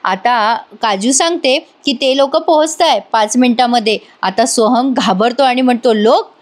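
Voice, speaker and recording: High-voiced woman retelling a serial. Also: moderate pace. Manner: chatty, amused. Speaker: serial recap narrator. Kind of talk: casual storytelling recap.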